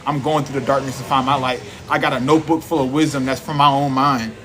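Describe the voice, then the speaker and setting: A man's voice: mid-range voice, steady tone, quick pace, fairly bright tone. A man giving a casual, preachy livestream monologue, repeating himself and laughing often. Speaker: livestream host. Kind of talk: casual live-stream monologue.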